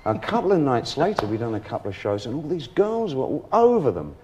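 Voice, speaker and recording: Middle-aged man, lively anecdotal talk show guest. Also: mid-range voice, a little fast. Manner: animated storyteller who acts out other people's voices and laughs often. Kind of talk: casual anecdotal interview chat.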